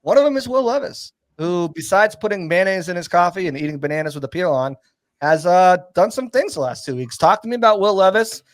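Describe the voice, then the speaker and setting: A man's voice: high-pitched, animated, a little fast, no room sound. A man hosting a sports podcast, talking in an upbeat, jokey, hype-man way. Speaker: podcast host. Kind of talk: casual sports podcast chat. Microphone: podcast mixer setup.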